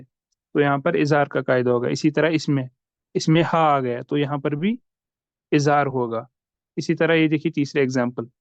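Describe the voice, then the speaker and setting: A man teaches recitation rules, spelling out words slowly letter by letter. His voice is slightly high and smooth. The sound is dry and a little dull, as if from a modest mic. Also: dry recording. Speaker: tajweed teacher. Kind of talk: online lesson.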